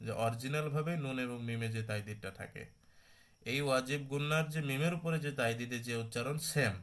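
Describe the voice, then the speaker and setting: A man's voice: medium pitch, fairly bright tone. A man teaching a Quran recitation class online, talking conversationally, correcting himself and often checking that students follow. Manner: self-correcting, restarts mid-phrase; slow drawn-out recitation of examples.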